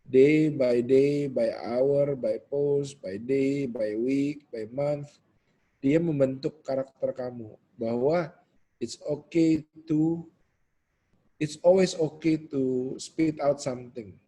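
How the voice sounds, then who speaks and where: Guy chatting in a webinar over a video call, acts out little voices, warm tone. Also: mid-range voice, slow pace. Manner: animated, acts out quoted voices. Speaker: webinar guest speaker. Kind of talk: casual webinar talk.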